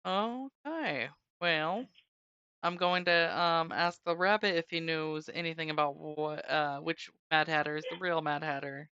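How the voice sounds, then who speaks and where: A woman playing in a tabletop game, eager and quick to laugh. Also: low-pitched, pushed and bright, smooth, dry recording, highs cut off. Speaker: player. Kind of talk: casual tabletop play.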